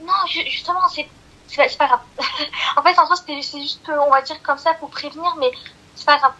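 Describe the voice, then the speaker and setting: A woman caller with a small, soft voice, talking hesitantly and apologetically on a live call. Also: high voice, steady tone, a little fast, highs cut off.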